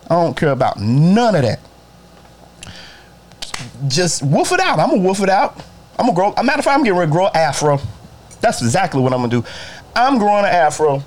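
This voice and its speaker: A man rants casually on a livestream, blunt and full of profanity. His voice sits a little high and swings widely in pitch as he moves from exasperated outbursts to muttered asides. He speaks straight to his viewers and greets them as he goes. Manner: profane, blunt, talks to viewers directly, swings between loud and low. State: bothered by allergies. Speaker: barber livestreaming to followers.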